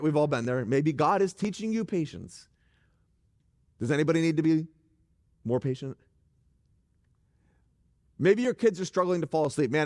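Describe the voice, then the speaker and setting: A middle-aged man preaching a conversational sermon from a church stage, animated and joking with the congregation. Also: a little high. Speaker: pastor. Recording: reverberant church hall.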